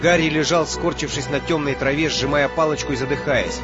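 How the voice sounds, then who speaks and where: A man with a slightly high voice narrates an audiobook at a brisk clip, his scripted reading tense and dramatic. The audio is muffled, with faint music in the background.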